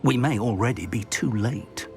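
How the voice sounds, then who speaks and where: An actor playing an older scholarly professor in a video game, speaking in an earnest, formal and courteous way. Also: male voice, mid-range voice, normal speed, darkish tone, soft background music, lightly acted. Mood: urgent, respectful. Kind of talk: scripted game dialogue.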